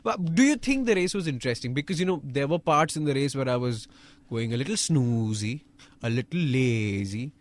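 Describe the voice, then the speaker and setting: A young man co-hosting a podcast in casual chat, excitable and laughing often as he teases his partner. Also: medium pitch, fairly quick. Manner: excitable, laughs often, mock-accusing banter. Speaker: podcast co-host.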